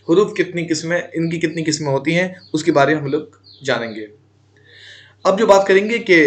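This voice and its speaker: Slightly high-voiced male teacher drilling terms. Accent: Indian. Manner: repeats terms and asks rhetorical questions before answering them; draws out example words slowly. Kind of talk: grammar lesson for exam students.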